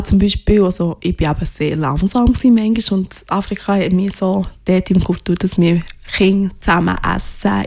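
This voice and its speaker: A woman from Ghana, as an interview guest, soft-spoken and hesitant, searching for her words. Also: mid-range voice. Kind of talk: reflective personal interview.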